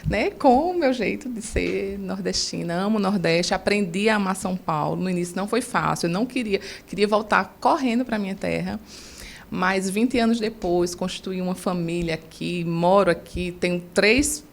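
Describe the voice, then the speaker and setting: A woman's voice: mid-range voice, normal speed, vocal fry. A chatty middle-aged woman with a Paraíba accent, a podcast guest talking in a casual interview and laughing often. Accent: Paraíba Northeastern Brazilian. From Campina Grande, Paraíba, Brazil.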